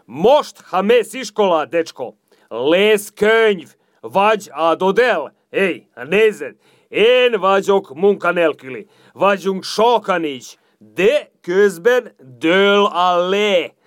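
Man playing a drawling café hustler, Serbian accent, high voice, dry sound. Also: expressive, no room sound. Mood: wheedling. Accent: Serbian-flavored Hungarian. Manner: drawling, easygoing, peppered with Serbian slang. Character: laid-back older male café loafer and hustler. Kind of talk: radio comedy sketch.

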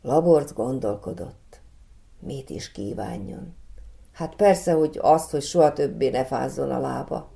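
Low creaky-voiced woman reading a fairy tale. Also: dark tone. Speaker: storyteller.

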